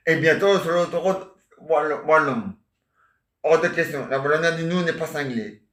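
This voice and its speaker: A man with a bright-ish voice on the high side delivers a rambling, joke-filled vlog monologue, heavy on asides and fillers. He keeps a moderate pace, and the room sounds echoey.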